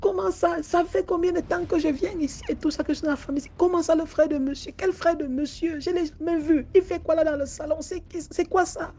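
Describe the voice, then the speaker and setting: Une femme qui joue une jeune femme terrifiée, qui panique et enchaîne des questions affolées. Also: female voice, very high voice, steady tone, racing, few pauses, dark tone, pitched above the performer's own voice. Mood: panicked. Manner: frantic, repeated questions. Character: terrified young woman, panicking and shrill.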